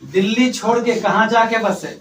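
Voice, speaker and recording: A man's voice: high voice, moderate pace, fairly bright tone, recorded from a distance. A male teacher questioning students orally, teasing and challenging them. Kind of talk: oral exam questioning in class. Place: classroom. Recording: roomy classroom from afar, faint noise.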